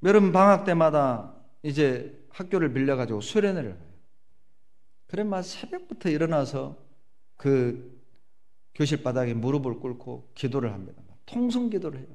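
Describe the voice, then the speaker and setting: Animated middle-aged Korean pastor preaching. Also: male voice, mid-range voice, moderate pace. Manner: animated storytelling, acting out prayers and voices. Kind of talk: sermon.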